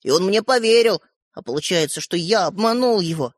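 A woman reader voicing a gentle, anxious schoolboy who speaks quietly and earnestly. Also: medium pitch, animated, fairly quick, no echo, studio quality, lightly acted. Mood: sad. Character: gentle anxious young schoolboy, the younger brother.

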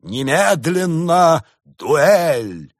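A man voicing a hot-tempered wolf father who blusters and shouts. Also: on the high side, big pitch swings, very slow, dry recording, clean studio sound, voice pushed up, heavily acted. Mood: angry.

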